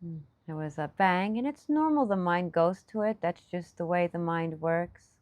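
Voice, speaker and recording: A meditation teacher, a woman with a fairly low voice, guides a meditation in a soothing, gentle way. She speaks in short, unscripted phrases separated by long pauses, and there's no echo.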